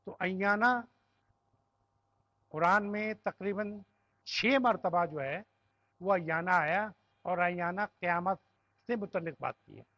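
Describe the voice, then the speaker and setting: Pakistani guy teaching a class, high voice, keeps asking the students stuff, dull dry lo-fi sound. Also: long pauses, sharp tone, dry recording. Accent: Pakistani Urdu. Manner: explains step by step, asking the class questions and checking with "right?". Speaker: Arabic grammar teacher. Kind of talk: classroom lesson.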